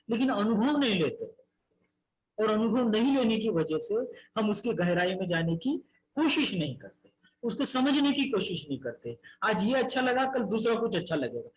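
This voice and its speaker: Guy with a pretty high voice giving a buddhist dharma talk, earnest storytelling, keeps saying brothers and sisters. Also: poor audio. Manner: earnest storyteller, retelling a life story in first person; addresses listeners as brothers and sisters. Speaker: Buddhist teacher.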